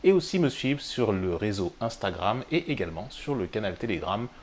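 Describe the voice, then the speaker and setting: A man's voice: lowish voice, very animated, moderate pace, darkish tone, husky. A French-speaking man hosting a live English-learning stream, talking directly to the viewer in a chatty way with many fillers. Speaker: English teacher and host. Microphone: webcam or phone of a live stream.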